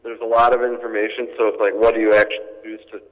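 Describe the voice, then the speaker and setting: A man's voice: on the low side, level tone, quick pace, a bit bright, long reverb tail, poor audio. A young man talking casually over a phone speaker, rambling with lots of fillers and restarts. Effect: heard over a phone speaker. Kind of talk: casual chat.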